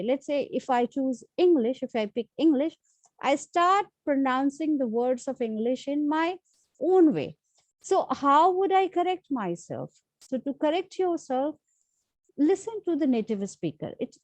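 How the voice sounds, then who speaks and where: Speaking with an Indian accent, this woman from India, a native speaker of Hindi and Urdu, hosts an unscripted, informal lesson to camera, offering tips with many fillers and restarts. Her voice sits high and is a little mellow, and the recording is dry.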